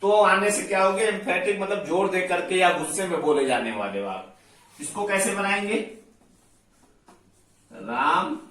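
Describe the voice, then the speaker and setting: A man teaching English grammar, explaining each rule step by step and slowly repeating his examples. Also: high-pitched, fairly bright tone, far from the mic. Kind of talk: slow classroom explanation. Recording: very echoey room, voice away from the mic.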